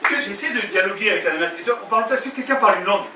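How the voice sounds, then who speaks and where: A male stand-up comedian telling a story with animated delivery and loud put-on voices, with crowd banter. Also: high voice, very fast. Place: comedy stage with live audience. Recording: echoey, distant live room with audience noise. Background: audience laughter.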